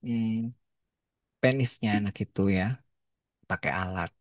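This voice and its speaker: A man's voice: lowish voice, slow, dry recording. Man lecturing casually, anecdotal, acts out quotes, dry close sound. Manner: chatty, storytelling, acts out quotes. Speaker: medical ethics lecturer.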